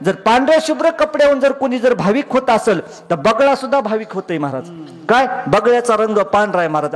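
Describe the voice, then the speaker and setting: High-voiced, animated comic kirtan preacher. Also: male voice. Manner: animated storytelling, acting out each character; often addresses the crowd as maharaj and baba. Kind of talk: comedic devotional sermon.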